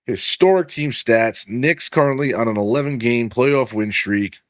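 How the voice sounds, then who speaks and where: A man's voice: on the low side, dry recording, clean studio sound. A man hosting a casual sports podcast, swearing freely and leaning on fillers while he reads off stats. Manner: loose and profane, heavy on filler "like", reads stats aloud. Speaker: podcast host.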